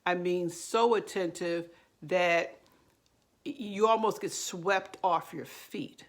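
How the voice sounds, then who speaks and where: A woman giving earnest, explanatory counseling advice straight to camera, pausing on fillers and restarting her sentences. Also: on the low side. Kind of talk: direct-to-camera advice talk.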